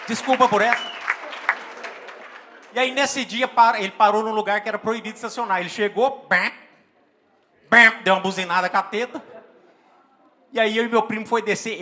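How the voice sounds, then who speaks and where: On a live stage, a high-voiced Brazilian comedian tells an animated stand-up story in Brazilian-accented Portuguese. He acts out scenes and throws in exaggerated exclamations, while faint laughter drifts up from the audience.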